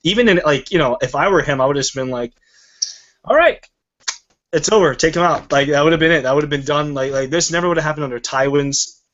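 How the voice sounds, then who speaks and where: A man's voice: on the high side, racing, fairly bright tone. Rambling, swearing man on muffled audio. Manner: rambling and profane. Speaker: show host. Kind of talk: casual review chat. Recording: muffled lo-fi recording.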